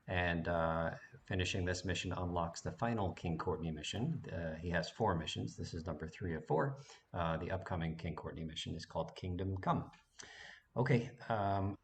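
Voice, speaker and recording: Low-voiced gameplay commentator. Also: male voice, slight background noise. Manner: relaxed and chatty, many "uh"s. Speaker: gaming channel host.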